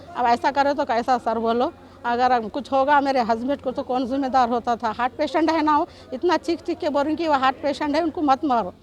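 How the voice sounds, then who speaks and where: A woman's voice: fairly high pitch, darkish tone. A middle-aged woman, giving an emotional news interview as a shopkeeper, urgent and pleading and repeating herself. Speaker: shopkeeper telling of an assault.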